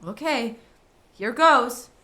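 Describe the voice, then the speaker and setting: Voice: medium pitch, lively intonation, slow, bright, forceful tone. A performer playing an eager, reckless young boy in a family drama. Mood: curious. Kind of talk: acted family film dialogue.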